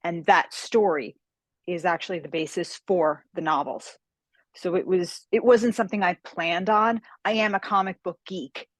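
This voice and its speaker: A woman appears on a video call as an interview guest, chatting enthusiastically about her work writing fantasy in a casual conversation. Her voice is fairly low, at normal speed, with no room sound.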